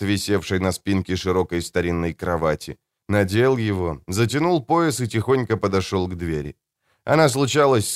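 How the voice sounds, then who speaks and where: A man reading a novel aloud as an audiobook narrator, measured and steady. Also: lowish voice, no echo, studio quality. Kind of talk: scripted narration.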